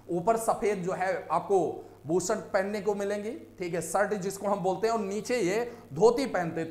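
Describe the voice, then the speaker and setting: A man's voice: high voice, roomy sound. A man teaching an exam-prep lecture, explaining step by step and often checking in with his students.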